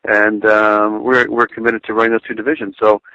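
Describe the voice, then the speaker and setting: Lower-voiced male executive on a phone. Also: little pitch movement, moderate pace, pushed and bright. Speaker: fight promotion executive. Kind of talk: business-like press answers. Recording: dry, muffled phone line.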